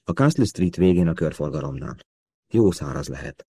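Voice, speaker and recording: A man's voice: low voice, lively intonation, warm tone, slightly rough, no room sound, clean studio sound. A man reading the lines of a helpful male patrol policeman giving plain directions. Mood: matter-of-fact. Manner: plain, matter-of-fact directions.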